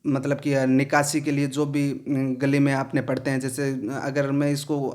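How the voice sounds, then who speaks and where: A man teaching pronunciation in Hindi, explaining slowly, repeating words and often asking if it is clear. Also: medium pitch, monotone, a little mellow. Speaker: English teacher. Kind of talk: pronunciation lesson.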